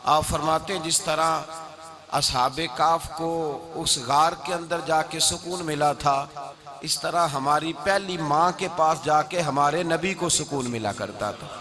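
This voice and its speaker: Male preacher, emphatic sermon delivery with Arabic recitation, voice on the high side. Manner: emphatic, rising to raised oratorical peaks.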